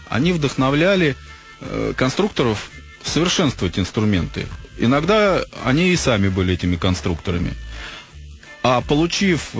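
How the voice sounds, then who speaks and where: Grandiose male radio host over music. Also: medium pitch. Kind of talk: live late-night radio talk. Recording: music playing behind the voice.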